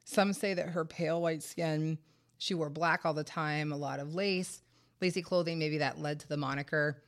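Hosting a true-crime podcast, a woman recounts the story conversationally, with wry and sarcastic comments mixed in. Her voice sits low with a steady tone and moderate pace, though a head cold makes her congested and short of breath.

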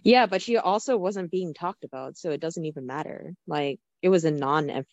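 A woman co-hosting a casual chat, opinionated and quick, on a dull lo-fi recording. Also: deep voice, a little mellow, dry recording. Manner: opinionated, quick, laughs easily. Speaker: podcast co-host. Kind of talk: casual chat about Japanese pop music. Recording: dull lo-fi sound.

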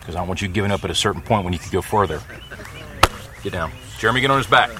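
A man's voice: deep voice, fast talker, crowd noise, close to an everyday voice. An actor playing a demanding football coach who pushes his player with short, repeated commands on an outdoor field. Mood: instructive. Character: demanding, relentless male high school football coach. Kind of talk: film drama acting. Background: film score music.

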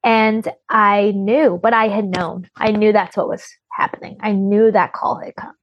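A woman's voice: mid-range voice, fairly even intonation, a little slow, no echo, dull audio. A woman guest on a podcast, telling a personal story in a rambling, chatty way with many restarts.

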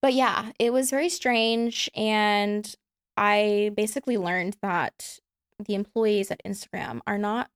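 A woman's voice: mid-range voice, steady tone, measured pace, clear, resonant tone, no echo. Young woman, casual podcast guest, frank and giggly, dry close sound. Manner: candid, laughing, many ums and restarts. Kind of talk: casual chat.

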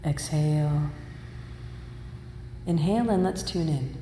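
Low-voiced woman guiding meditation, roomy reverb. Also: steady tone, dark tone. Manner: slow, measured, soothing instruction with long pauses. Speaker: meditation and yoga teacher. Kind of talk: guided meditation. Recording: roomy hall reverb, faint noise.

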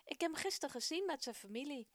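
A woman voicing a friendly young boy in a storybook reading, bright and cheerful. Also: high-pitched, expressive, fast, no room sound, voice pushed up. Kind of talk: storybook narration.

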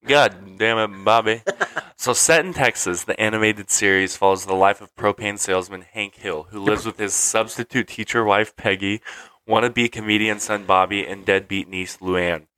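Bright-voiced casual podcast host, man. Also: lowish voice, steady tone, moderate pace, clean tone, no room sound, poor audio. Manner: loose, playful, swears often. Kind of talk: casual chat.

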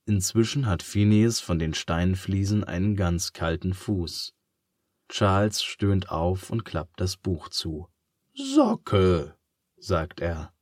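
A man reading a children's story aloud in a calm, expressive way. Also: low-pitched, slow, no echo, studio quality. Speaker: narrator.

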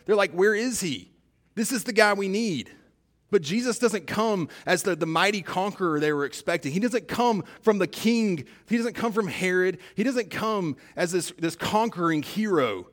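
A man preaching a sermon in a conversational way, building to emphatic peaks and dropping to quiet, stressed lines. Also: sits high. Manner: conversational preaching with fillers and paraphrased dialogue. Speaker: pastor.

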